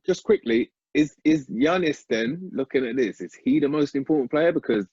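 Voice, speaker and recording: Husky man, dry lo-fi podcast. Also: a little high, animated, moderate pace, darkish tone, dry recording. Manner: chatty, interjecting, says "mate". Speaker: podcast panelist. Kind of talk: casual sports chat. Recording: dry dull lo-fi sound.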